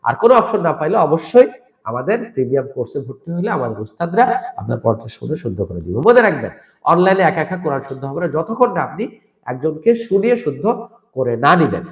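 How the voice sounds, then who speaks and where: A man's voice: a little high, big pitch swings, fast talker, echoey room. A man with a Bangladeshi Bengali accent teaching Quran letter pronunciation, drilling syllables aloud and mixing in English words. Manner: mixes English words into instruction. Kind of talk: online recitation lesson.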